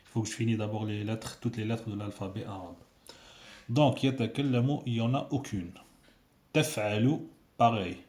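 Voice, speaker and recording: A man's voice: fairly low pitch, moderate pace, a little mellow. A man teaching a casual video lesson, patiently repeating sounds for learners. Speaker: Arabic teacher. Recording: echoey room.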